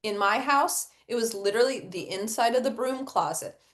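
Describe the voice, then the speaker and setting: A middle-aged woman with a slightly high, somewhat bright voice speaks at a moderate pace. She's giving educators an instructional webinar with acted read-aloud examples, explaining step by step and answering her own questions.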